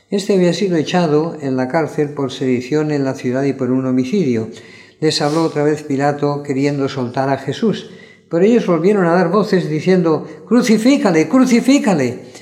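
Male preacher reading scripture, measured and emphatic, slightly high voice, echoey room. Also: mellow. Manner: reads scripture slowly, stressing the crowd's cries. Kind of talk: sermon with Bible reading.

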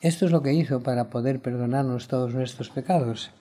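A man preaching a sermon, reading Bible passages aloud and rising louder on the quoted cries of the crowd. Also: mid-range voice, fairly quick.

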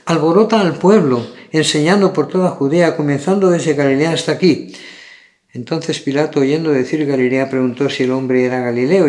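A man reading Bible passages aloud in a measured way, raising his voice on the quoted cries. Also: mid-range voice, a little mellow. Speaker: scripture reader.

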